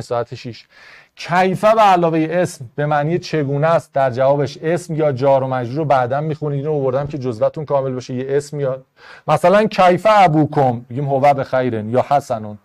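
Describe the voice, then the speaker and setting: A man teaching an online Arabic grammar class in Persian, going briskly through test answers and rules, step by step. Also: on the high side, darkish tone. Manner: brisk, explaining step by step to students.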